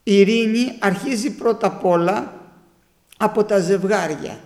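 A man preaching a sermon to his congregation, telling stories and raising his voice to a shout for emphasis. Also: high-pitched, gravelly, long reverb tail. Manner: storytelling, rising to shouts for emphasis.

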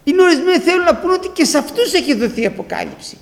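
Male preacher, high raspy fry, storytelling sermon delivery. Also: sing-song. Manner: storytelling with quoted exchanges, swinging from hushed to loud.

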